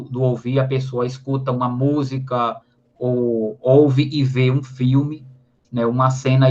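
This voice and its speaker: A Brazilian man with a Brazilian Portuguese accent, a teacher explaining grammar in a recorded online lesson, often adding tag questions and spelling out syllables. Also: medium pitch. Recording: slightly dull lo-fi audio.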